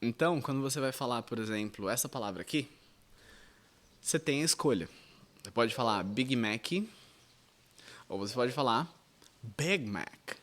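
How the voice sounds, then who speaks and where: A man's voice: medium pitch, fairly quick, pauses often. A man in his thirties from Brazil with a Brazilian Portuguese accent, an English teacher explaining things in an educational video lesson, conversational and addressing the viewer directly.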